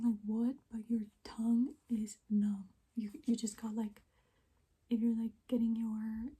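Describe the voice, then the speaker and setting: A young woman speaks in a soft, unvoiced ASMR whisper. Her voice is very airy and breathy, with a dark, mellow tone. She takes her time and chats along, often stopping to correct herself. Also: fairly high pitch. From Iceland. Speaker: ASMR creator.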